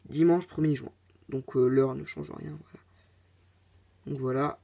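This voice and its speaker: This casual tech tutorial is walked through step by step by a man whose voice is medium-pitched, creaky, mellow and relaxed. His delivery is hesitant, peppered with filler sounds and offhand chatty remarks.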